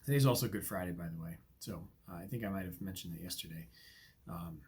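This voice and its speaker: The man leading this daily Bible reading talks fast in a low, darkish voice with a breathy edge. Earnest and reflective, he moves through scripture and devotional commentary with plenty of ums and uhs, sniffling now and then from allergies.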